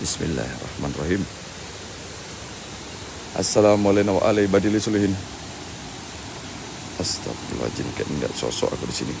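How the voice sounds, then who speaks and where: A man's voice: sing-song, normal speed, vocal fry, long pauses. Chatty man live-streaming outdoors at night. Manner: chatty and joking, thanking viewers by name; drops to low murmured prayers. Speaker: live-stream ghost-hunting host. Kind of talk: live-stream exploration commentary. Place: outdoors at night near a waterfall. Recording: loud outdoor background noise.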